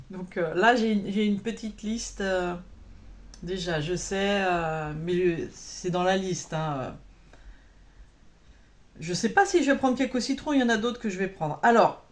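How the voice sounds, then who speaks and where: A woman's voice: medium pitch, expressive, normal speed. A woman vlogging about cross-stitch in a chatty, rambling way, full of fillers and self-corrections. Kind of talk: casual chat to camera.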